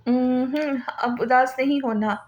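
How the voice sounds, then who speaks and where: A woman's voice: high voice, fairly even intonation, slow pace, darkish tone, muffled recording, faint music behind. A woman reading the lines of an affectionate, doting young husband. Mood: earnest. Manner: doting, coaxing.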